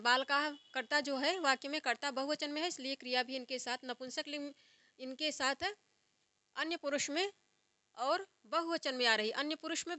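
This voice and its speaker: Bright high-voiced woman teaching. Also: no echo. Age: young adult. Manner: slow, repetitive recitation of word forms, explaining step by step. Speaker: Sanskrit teacher. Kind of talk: exam-prep lecture.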